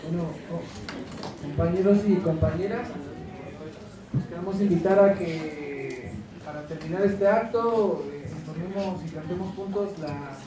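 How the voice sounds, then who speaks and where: A man's voice: on the high side, a little slow, long pauses, warm tone. A man making a hesitant, informal announcement to an audience at a political rally. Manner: hesitant, unscripted. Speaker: event speaker closing a political rally. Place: large echoing hall at a rally. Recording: echoey hall, distant mic, crowd behind.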